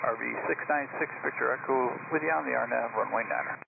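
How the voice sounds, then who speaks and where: A man's voice: mid-range voice, fast, creaky. A man working as a pilot, talking to the tower over his cockpit headset in clipped radio calls with light joking. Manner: brief and casual, with light joking. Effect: pilot's cockpit headset over aviation radio. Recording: tinny, noisy radio transmission.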